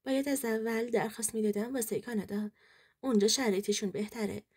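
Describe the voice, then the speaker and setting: A cold, selfish husband who brushes things off in a flat, dismissive way, as a woman narrator reads him. The voice stays mellow and slightly husky. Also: a little high.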